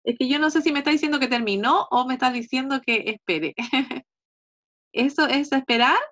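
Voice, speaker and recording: A Chilean woman teaching first graders in an online class, explaining patiently and slowly to small children. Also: high voice, a bit bright. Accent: Chilean Spanish. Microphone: video call. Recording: dull lo-fi video call audio.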